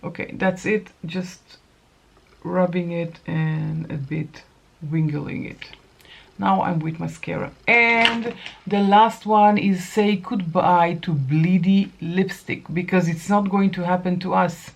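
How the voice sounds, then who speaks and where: A woman in her fifties hosts a casual makeup tutorial, chatting to viewers as she applies makeup and correcting herself along the way. Her voice sits on the low side and is creaky, slow, and fairly even in intonation, and the sound is dull and lo-fi.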